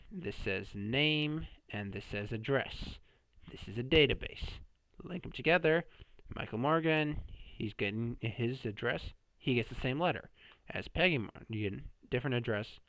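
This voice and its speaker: A man's voice: medium pitch, dry recording, low-quality recording. A man giving a casual class presentation in a sarcastic, playful, jumpy way. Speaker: student presenter.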